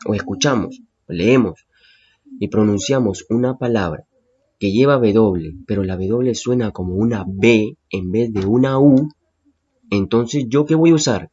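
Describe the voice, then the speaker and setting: A man's voice: medium pitch, mellow, breathy edge, dull audio. A male teacher patiently explaining phonetic symbols to students, repeating key points and checking understanding.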